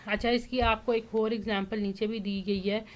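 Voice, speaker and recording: A woman's voice: mid-range voice, little pitch movement, normal speed. A woman from Pakistan, giving a casual spoken lecture as an online tutor and often checking in with "theek hai". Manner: explains with frequent fillers and "theek hai" check-ins.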